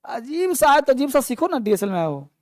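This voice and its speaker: A man's voice: very high voice, big pitch swings, brisk, darkish tone, dry recording. A man teaching an online English grammar class, explaining patiently and mixing with English words. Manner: patient explaining, mixing Hindi and English, calls students beta and babu.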